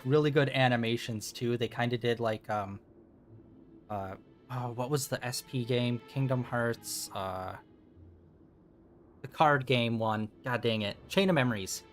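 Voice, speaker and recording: Joking man streaming a game. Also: medium pitch. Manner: offhand, joking, swears. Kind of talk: casual live commentary.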